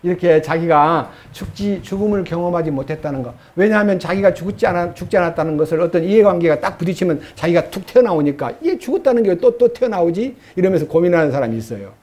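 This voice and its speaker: A man's voice: fairly high pitch, fast, few pauses, a little mellow. A man preaching a church sermon. He reads long scripture passages aloud and puts questions straight to the congregation. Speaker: pastor.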